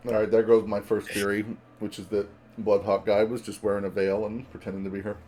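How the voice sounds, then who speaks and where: A man's voice: on the low side, flat delivery, brisk, warm tone, a little hiss or hum. A man playing a tabletop game over voice chat, dry and laid-back, asking wry questions. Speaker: player.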